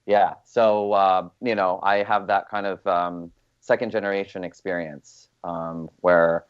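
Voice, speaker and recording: The guest, a young actor from Los Angeles, answers interview questions in a laid-back, rambling way, leaning on lots of fillers like um and you know. His deep voice is clear and resonant and a little slow, though the recording itself is dull and lo-fi.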